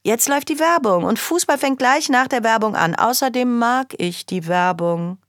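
A woman voicing a smug teenage big brother who drawls slowly. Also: a little high, fairly bright tone, no room sound, clean studio sound, pitched above the performer's own voice, lightly acted.

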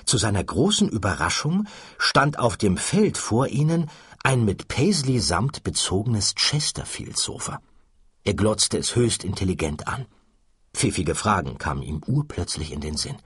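A man narrating an audiobook in an expressive, lively storytelling manner. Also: on the low side, unhurried, breathy edge, no room sound, clean studio sound. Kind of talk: scripted narration.

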